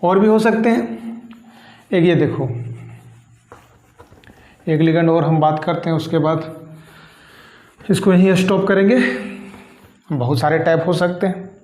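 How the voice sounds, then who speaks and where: A man teaching chemistry, asking questions and answering them slowly himself. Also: a little high, darkish tone. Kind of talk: classroom lecture. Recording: echoey room.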